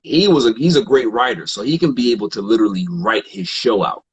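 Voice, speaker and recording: A man guesting on a podcast, telling stories in a relaxed, casual way and acting out what others said. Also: fairly low pitch, quick pace. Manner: relaxed, quotes others in animated asides, frequent fillers. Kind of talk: casual storytelling in conversation.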